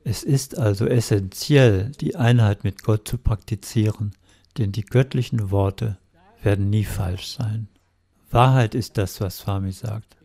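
Male interpreter with a warm, mellow voice, steady and measured. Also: fairly low pitch. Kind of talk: interpreting a sermon.

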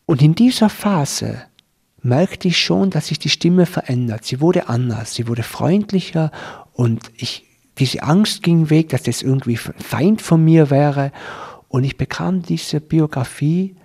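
Husky man telling a personal story. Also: on the high side, expressive, darkish tone. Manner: earnest, reflective, slows down at tense moments.

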